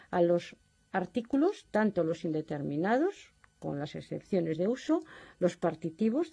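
Lady teacher explaining french grammar, slow and patient, gravelly mellow voice. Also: lowish voice. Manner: didactic, patient, addresses students formally. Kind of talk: lecture to distance learners.

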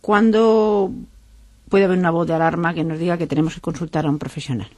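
A woman hosting a talk program, asking her guests questions slowly and searching for her words. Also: fairly low pitch, steady tone, mellow, dry recording. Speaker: host. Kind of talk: radio interview.

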